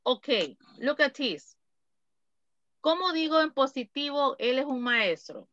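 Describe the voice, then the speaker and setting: Woman, English teacher, dry close sound, slightly high voice. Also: big pitch swings, bright, forceful tone, dry recording, dull audio. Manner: slow, careful, repeats phrases for students. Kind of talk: online class explaining grammar.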